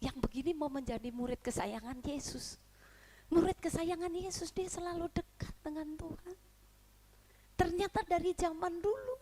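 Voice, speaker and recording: Woman preacher, high voice, sunday sermon, keeps asking the congregation questions, goes quiet and hushed a lot. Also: moderate pace, slight background noise. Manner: often drops to a hushed, near-whispered voice. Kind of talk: sermon at a Sunday church service. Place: church.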